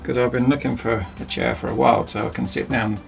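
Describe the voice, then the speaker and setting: Chatty gravelly-voiced man in a workshop. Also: mid-range voice, fast, over music. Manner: chatty, rambling, self-mocking. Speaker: DIY video host. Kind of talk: casual workshop chat. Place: cramped home workshop.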